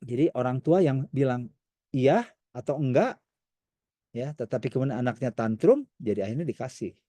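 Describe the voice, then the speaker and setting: A man's voice: mid-range voice, animated, normal speed, mellow, dry recording. A man giving a conversational teaching talk to a church women's fellowship as a counselor, often acting out quoted voices. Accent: Indonesian.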